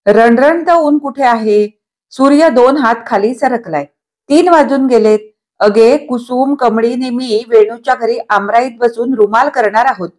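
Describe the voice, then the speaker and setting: A woman voicing a lively, stubborn young girl who pleads and turns tearful, in a read-aloud novel. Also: a little high, measured pace. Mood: pleading.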